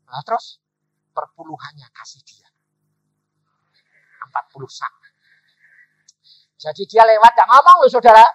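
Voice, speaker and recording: A middle-aged male preacher tells his sermon as a story and swings his voice widely, jumping into loud, high bursts when he acts out the dialogue. His voice is high and bright for a man. The recording is dry and a little dull. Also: very animated, moderate pace, long pauses, no room sound. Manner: addresses the congregation repeatedly as "saudara". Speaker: evangelist preacher.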